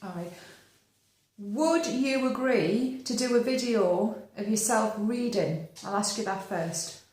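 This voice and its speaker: A woman's voice: medium pitch, slow, a little mellow. A woman hosting a casual interview, chatting in a blunt, teasing way. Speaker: interviewer, host. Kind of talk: casual chat. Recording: very echoey room.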